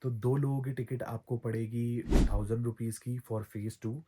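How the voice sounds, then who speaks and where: A man's voice: medium pitch, fairly even intonation, measured pace, very noisy. A man giving casual travel advice as a vlogger, chatty, often repeating himself and correcting his own slips. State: throat recovering from soreness.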